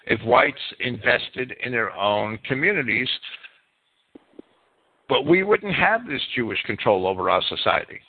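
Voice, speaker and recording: Chatting with callers and running through a spontaneous monologue, a call-in show host talks off the cuff with emphasis and plenty of repetition. He has a medium pitch, lively intonation, a husky voice with vocal fry, and a slightly slow pace; the radio sound is narrow and phone-like.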